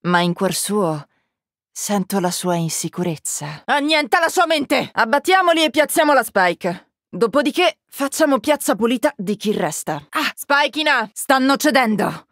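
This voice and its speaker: A woman's voice: a little high, big pitch swings, measured pace, fairly bright tone, no echo, full character voice. An actress voicing a menacing young woman agent in a video game, with cold, taunting, clipped callouts, recorded dry on a close studio mic. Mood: cool menacing. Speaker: voice actress dubbing a game character. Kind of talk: game voice lines.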